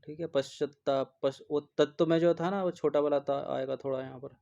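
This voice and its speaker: Hindi exam tutor, dark, lo-fi. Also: male voice, a little high, steady tone, brisk, gravelly. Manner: repeats each word over and over and checks in with a constant "theek hai". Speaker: exam prep teacher. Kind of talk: spelling lesson, explaining answers. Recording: dull lo-fi recording.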